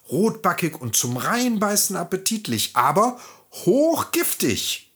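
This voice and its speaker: Fairy tale storyteller, slow, lively pitch, husky voice.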